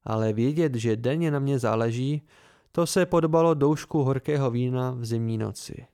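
A man reading an amateur audiobook in a calm, even storytelling manner. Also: mid-range voice, clear, resonant tone, no room sound, studio quality. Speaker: audiobook reader.

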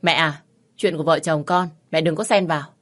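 A cold, domineering young husband who has been drinking, as a woman reads him, curt and mocking with a quiet threat under his words. He is the brooding male lead of a romance audiobook, read in a low voice. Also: a little fast. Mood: menacing.

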